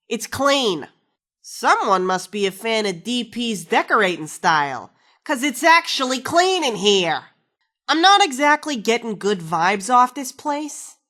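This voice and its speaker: Very animated, sarcastic woman wasteland companion. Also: on the high side. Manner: sarcastic, irreverent, slangy. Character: wisecracking, foul-mouthed, jumpy woman companion in power armor. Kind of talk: video game companion dialogue.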